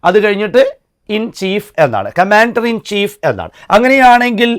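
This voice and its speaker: A man teaching an exam-prep grammar lesson, asking questions and answering them himself, slowly spelling out letters and sounds. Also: high-pitched, big pitch swings, fairly bright tone. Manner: asks and answers his own questions, repeats key words. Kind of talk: classroom-style grammar lesson.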